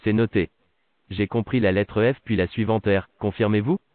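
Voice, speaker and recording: Speaking at a normal speed with fairly even intonation, a lowish synthetic male voice serves as a virtual customer service agent. Its polite, formulaic prompts come over a tinny, dry phone line with no echo.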